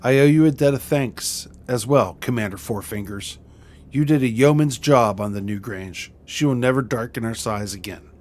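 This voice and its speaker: A man's voice: mid-range voice, normal speed, a little mellow, lightly acted. Man playing a courtly, bitter noble lord. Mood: grateful, solemn. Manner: formal, courtly.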